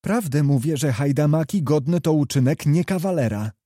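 A proud young noblewoman in an audiobook, stern and reproachful, speaking higher and earnest, as a male reader puts her on. Her voice is mellow and dry, with little room around it. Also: lively intonation, normal speed, no room sound. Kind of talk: audiobook character reading.

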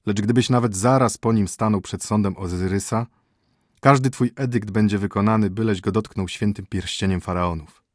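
A man's voice: lowish voice, moderate pace, dry recording, studio quality, close to an everyday voice. A man voicing a male royal chancellor who speaks in a formal, assuring way. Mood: solemn. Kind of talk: audiobook character voice.

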